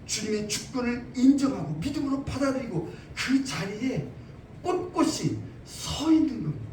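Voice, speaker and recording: Emphatic high-voiced male pastor, roomy distance. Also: very animated, moderate pace, a little mellow, slight background noise. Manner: emphatic, repeats phrases, asks rhetorical questions. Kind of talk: sermon. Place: church sanctuary. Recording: roomy, distant church recording.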